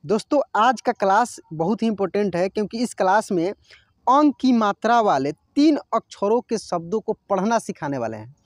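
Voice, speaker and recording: A man's voice: high voice, lively intonation, no echo, studio quality. Man teaching Hindi words. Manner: slow drawn-out reading of words for learners; explanatory, repeats words twice. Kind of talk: online Hindi lesson.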